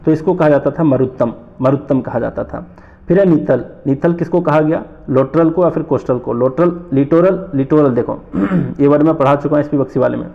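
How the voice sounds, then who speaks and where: A man from North India teaching an exam-prep lesson, explaining slowly, repeating terms and asking rhetorical questions. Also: a little high, vocal fry, narrow, tinny audio.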